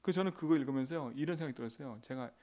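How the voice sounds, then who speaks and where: A man's voice: mid-range voice, very fast, darkish tone. A middle-aged male pastor giving an emphatic, colloquial dawn prayer sermon, repeating phrases and asking the congregation for agreement.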